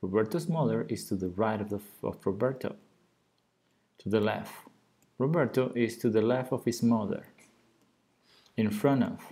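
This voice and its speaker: A man teaching a beginner English lesson, explaining in Spanish and slowly modelling English words for learners to repeat. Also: on the low side, dark tone. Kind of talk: recorded grammar lesson.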